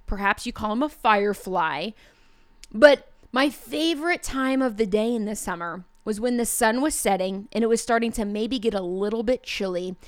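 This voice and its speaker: A woman's voice: mid-range voice, no echo. A woman with a Midwestern American accent hosting a podcast monologue, enthusiastic and heartfelt. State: emotional, near tears. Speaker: podcast host.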